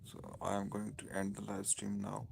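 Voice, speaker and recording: A man with a Pakistani accent speaking informally on a live stream, in halting, repetitive phrases. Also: fairly low pitch, monotone, gravelly, a little mellow, slight background noise.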